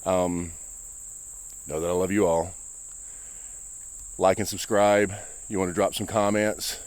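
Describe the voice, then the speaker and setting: A man's voice: fairly low pitch, smooth, no echo. A man talking on a walk, out of breath, rambling through his opinions about a game in a casual vlog. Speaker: gaming vlogger. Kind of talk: casual vlog monologue while walking. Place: outdoors on a walk, rural.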